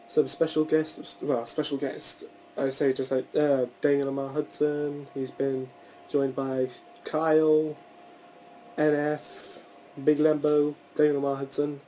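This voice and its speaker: Young man, slightly high voice, mellow tone, casual rambling podcast chat, faint background hiss. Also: poor audio. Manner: rambling, swears, restarts often. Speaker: podcast host.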